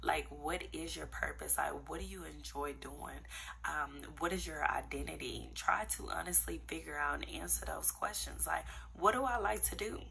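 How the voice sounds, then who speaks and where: A young woman with a low-pitched voice full of vocal fry shares casual faith encouragement. She speaks earnestly and conversationally, repeating words for emphasis, and her tone has a bright, forward edge. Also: normal speed, slight background noise. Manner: conversational, earnest, emphatic repetition, addresses listeners as y'all. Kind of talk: casual devotional encouragement vlog.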